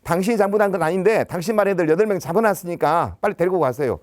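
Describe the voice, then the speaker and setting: A man's voice: sits high, lively intonation, very fast, a little mellow, dry recording, clean studio sound. A man voicing a curt, commanding middle-aged police detective in a spoken anecdote.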